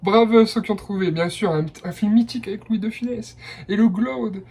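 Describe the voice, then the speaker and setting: A man's voice: high-pitched, brisk, a little mellow, slightly rough. Chatty enthusiastic man hosting a quiz. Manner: chatty, enthusiastic, personal asides. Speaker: quiz host. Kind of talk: casual blind test hosting.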